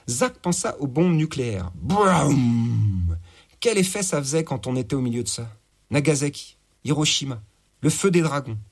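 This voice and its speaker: A man narrating an audiobook in a crude, lively storytelling manner. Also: fairly high pitch.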